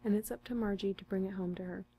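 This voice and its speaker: A young woman in an ASMR role-play as a friendly, helpful librarian, speaking in a soft, intimate library soft voice. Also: mid-range voice, fairly even intonation, fast talker, slight background noise. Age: young adult. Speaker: ASMR performer playing a librarian. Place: small curtained room indoors.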